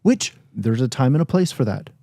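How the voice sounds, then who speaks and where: Man, mellow low-key tone, blunt and plainspoken, casual podcast chat, dry close mic. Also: animated, normal speed, dry recording. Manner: blunt, plainspoken, self-deprecating. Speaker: podcast co-host.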